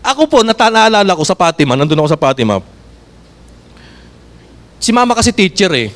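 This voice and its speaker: A male pastor with a Filipino accent delivers a sermon in a fairly high, very lively voice. He mixes in English, slows right down to read verses aloud, and keeps putting questions to the congregation. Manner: switches between Tagalog and English, reads verses slowly; animated, asks the congregation questions.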